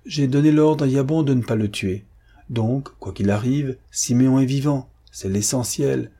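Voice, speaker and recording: Man doing a calm, confident gentleman. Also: mid-range voice, normal speed, husky, voice pushed up. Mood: reassuring. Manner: calm, reassuring, assured.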